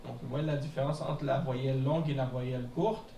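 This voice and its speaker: A man teaching a beginners' class in a mosque classroom, explaining patiently and repeating words slowly, often checking with "hein?". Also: mid-range voice, steady tone, vocal fry, warm tone. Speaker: Arabic teacher. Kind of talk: classroom lesson. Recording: echoey room from a distance, faint noise.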